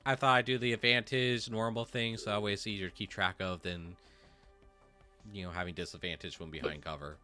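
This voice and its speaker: A man runs a tabletop game in a loose, halting way, full of fillers. His voice is fairly low but bright and forward. Soft music plays behind him. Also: steady tone. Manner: casual, halting, with many fillers. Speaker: game master.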